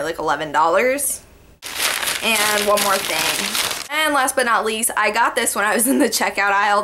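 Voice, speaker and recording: A woman's voice: medium pitch, pushed and bright. A young woman chatting casually to a webcam in a small bedroom, rambling along with lots of "like" and "yeah" as she shows off her shopping. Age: young adult. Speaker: beauty vlogger. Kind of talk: casual haul vlog. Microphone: webcam in front of her.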